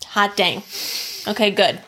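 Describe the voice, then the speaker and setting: A woman's voice: mid-range voice, slow pace, pushed and bright. A woman co-hosting a podcast in casual chat, giggling often and slipping into playful silly voices. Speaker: podcast co-host.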